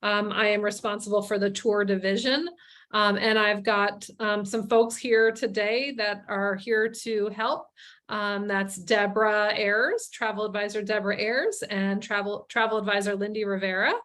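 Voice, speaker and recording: A woman's voice: medium pitch, flat delivery, normal speed, fairly bright tone. Woman hosting a video call for her tour company, chatty, lots of ums and restarts. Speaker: tour company owner presenting. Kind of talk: casual webinar presentation.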